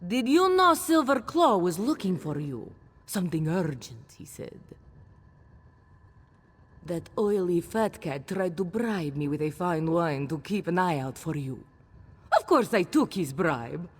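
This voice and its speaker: A sly, mocking guild informant in a fantasy game. The slightly husky voice bounces lively in pitch. A long reverb trails each line. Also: measured pace. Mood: teasing. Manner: teasing, mocking. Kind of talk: game cutscene voice acting.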